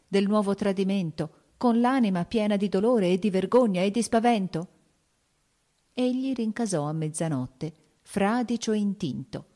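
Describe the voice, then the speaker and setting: Woman reading a novel audiobook, low mellow voice, measured and expressive. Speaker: audiobook narrator. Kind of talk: literary audiobook narration.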